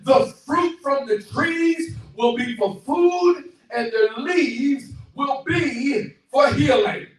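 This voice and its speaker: A middle-aged male guest pastor preaching a sermon with a handheld mic in a small church hall, calling for responses and shouting exclamations. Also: extremely high pitch, slow pace. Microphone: handheld mic, far camera. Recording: echoey hall from far off, faint music.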